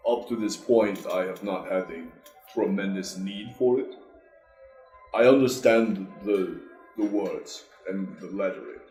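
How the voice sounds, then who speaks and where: A man playing a proud, stern half-orc warrior in a tabletop game, speaking formally, deliberately and with emphasis. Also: sits low, darkish tone. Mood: measured pride. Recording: roomy echo, music behind.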